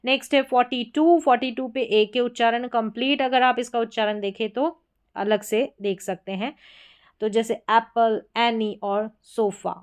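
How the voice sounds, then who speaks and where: Female teacher for a spelling lesson, clear smooth voice, patient and repetitive delivery. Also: fairly high pitch, moderate pace. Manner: steady explaining, repeats example words. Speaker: English teacher. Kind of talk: spoken lesson on spelling patterns.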